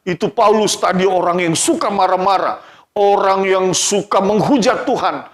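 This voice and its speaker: Male pastor, children's sermon, animated and questioning, raised voice, roomy church echo. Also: high voice, normal speed. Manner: animated, questioning the children, acting out their lines.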